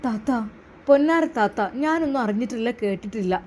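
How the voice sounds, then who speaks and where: A woman plays a sorrowful middle-aged mother, pleading tearfully in a high voice. She sounds wounded and begging throughout this storybook tale. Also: expressive, a little fast, darkish tone.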